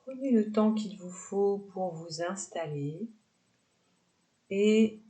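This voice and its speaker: At a medium pitch, a woman takes listeners through guided yoga nidra, offering calm, soft directions and leaving pauses between each phrase.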